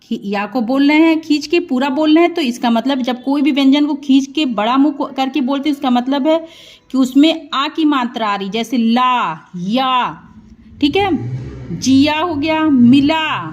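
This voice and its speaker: A woman teaching Hindi writing, sounding out each syllable slowly and then repeating the whole word. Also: high-pitched, a little mellow, highs cut off. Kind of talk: slow dictation-style lesson.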